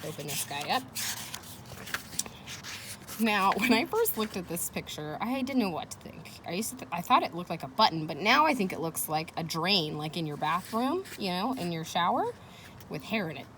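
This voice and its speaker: On the low side and fairly bright, this woman teacher's expressive voice moves at a moderate pace through a children's chapter book. She mixes in casual encouragement and questions for the listeners. The background is noisy with the sound of kids at play.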